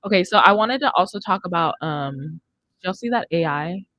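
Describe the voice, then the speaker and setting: A young woman hosts a casual music podcast from an indoor studio, chatting close to a boom-arm mic while wearing headphones. Her fairly low voice is expressive, brisk and a bit bright, with a little hiss or hum in the recording.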